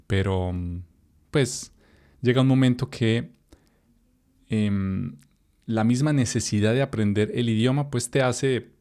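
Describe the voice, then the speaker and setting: A young Colombian Spanish teacher reads a learner text in his Colombian Spanish accent, his voice lowish and clean. He keeps things relaxed and conversational, dropping in fillers and side comments to the viewer.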